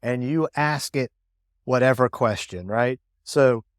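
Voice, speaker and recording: Excited middle-aged guy co-hosting, does little voices for quotes, medium pitch, dry close mic. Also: slow pace, no room sound. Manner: enthusiastic, acts out quoted dialogue. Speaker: co-host. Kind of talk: casual podcast chat.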